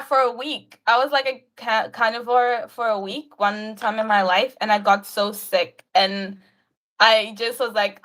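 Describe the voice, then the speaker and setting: On a video call, a young adult university student with a South African accent chats casually as a livestream guest. Her mid-range voice has a fairly bright tone, and she rambles along using "like" constantly.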